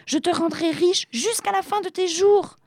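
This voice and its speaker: A huge, vain male genie from a storybook, as a woman reader puts him on, blustering with a mellow tone. He flares into indignation easily and whines when outsmarted. The sound is dry and close. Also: fairly low pitch, animated, unhurried, no echo. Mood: pleading. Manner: blustering, turns whiny when tricked. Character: huge boastful quick-tempered male genie. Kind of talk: storybook reading.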